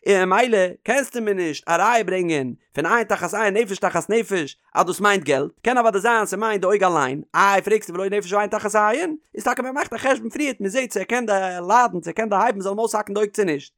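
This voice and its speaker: A man's voice: high-pitched, brisk, few pauses, a bit bright, no echo, clean studio sound. A man with a Yiddish accent teaching a Talmud lesson in a singsong study chant.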